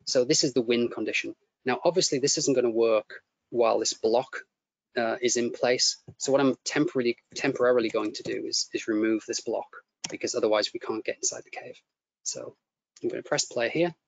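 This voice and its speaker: A man's voice: mid-range voice, a little fast, vocal fry. A man teaching a coding lesson, explaining each step as he types and often repeating himself as he goes. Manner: explains step by step while typing, repeats words. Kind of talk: live coding tutorial. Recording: muffled lo-fi audio with faint noise.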